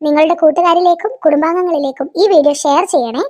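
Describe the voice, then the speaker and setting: A woman narrating a family moral story in a scripted, even storytelling manner. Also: high-pitched, fast.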